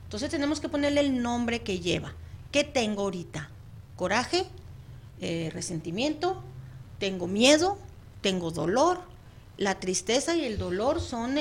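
A woman's voice: medium pitch, slight background noise. A woman counselor, a guest on a radio talk show, chatty and laughing often. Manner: chatty, laughs often, acts out clients' voices.

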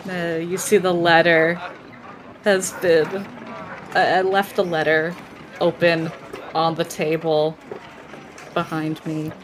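Slow, low-voiced woman playing a tabletop game. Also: little pitch movement, noisy background. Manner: measured, describing her actions step by step. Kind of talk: in-character tabletop role-play narration.

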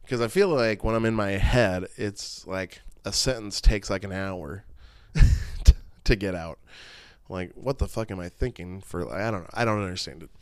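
A man's voice: fairly low pitch, normal speed, smooth, no echo. A man in his late thirties hosting a solo podcast, rambling and swearing casually as he talks to his listeners. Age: 30s. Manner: rambling, profane, self-deprecating. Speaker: podcast host.

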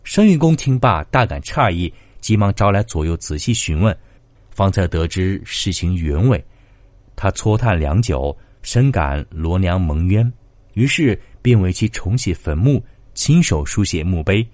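A man narrating classic ghost tales in a dramatic, expressive storytelling style. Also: unhurried, no room sound. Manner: expressive, swinging pitch for drama.

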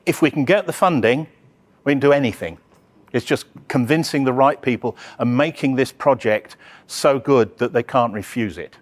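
Male presenter, conversational Q&A, halting delivery with frequent restarts. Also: medium pitch. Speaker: opera project presenter. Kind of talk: answering audience questions. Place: live talk session.

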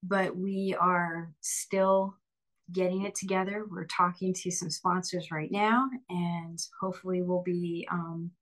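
A woman with a somewhat low voice chats easily in an interview. Her talk is upbeat and loose, full of little fillers and quick laughs. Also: little pitch movement, a bit bright, low-quality recording. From Pennsylvania, Lehigh Valley. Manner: chatty, upbeat, often laughing, frequent fillers. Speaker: singer and bandleader, interview guest. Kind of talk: casual interview conversation.

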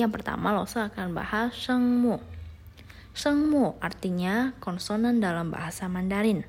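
Young woman, language teacher, unhurried and slightly breathy, patient drill delivery. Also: medium pitch. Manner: patient, repeats drills, asks listeners to follow along. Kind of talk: beginner language lesson.

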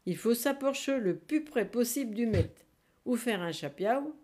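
A woman's voice: on the high side, animated, unhurried, a little mellow. A woman explaining the rules of a game.

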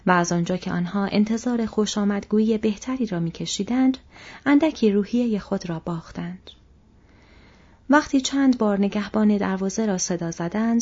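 A woman reading an audiobook aloud, soft and measured, her voice husky and breathy. The recording sounds dull and lo-fi. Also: medium pitch. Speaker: audiobook narrator.

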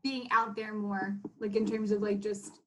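A young woman in casual chat, frank and relaxed, saying "like" often. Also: medium pitch, a little slow.

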